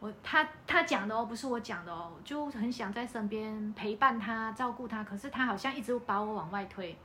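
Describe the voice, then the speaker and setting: Malaysian woman telling a lively story. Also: fairly high pitch, fairly quick, slight background noise. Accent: Malaysian Mandarin. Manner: animated storyteller who acts out quoted dialogue. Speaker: podcast speaker. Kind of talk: casual chat telling a personal story.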